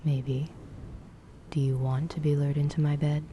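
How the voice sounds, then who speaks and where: Whispered role-play: a woman plays a cocky young man, teasing and low. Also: level tone, normal speed, mellow, slight background noise, natural voice.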